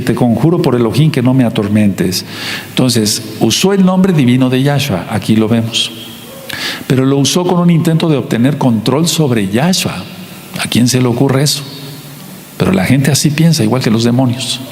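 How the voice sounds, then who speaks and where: Mexican male pastor, mid-pitched, teaching sermon style, roomy hall reverb. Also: darkish tone. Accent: Mexican Spanish. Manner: teaching, repeats points, slows to stress words. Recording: echoey hall.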